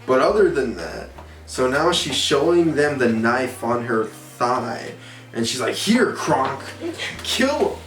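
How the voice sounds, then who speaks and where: A man's voice: mid-range voice, measured pace, a bit bright. A drunk man casually retelling a movie for laughs, rambling and repeating himself in crude slang as he acts out the characters' lines. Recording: roomy, distant mic, faint music.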